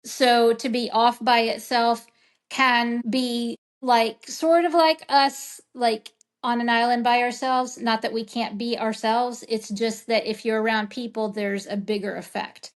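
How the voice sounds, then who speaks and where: A woman's voice: on the high side, steady tone, measured pace. A woman in a casual group conversation, talking in a meandering, reflective way with many fillers. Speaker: medium in group session.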